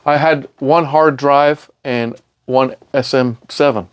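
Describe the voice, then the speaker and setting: Slow, clear, and resonant, the mid-range voice of this middle-aged British-accented man stays fairly even in intonation. Born in Milan and raised in England and Scotland, he's a recording engineer and studio owner sharing casual stories as a podcast guest in a recording studio, peppered with "man" and "you know."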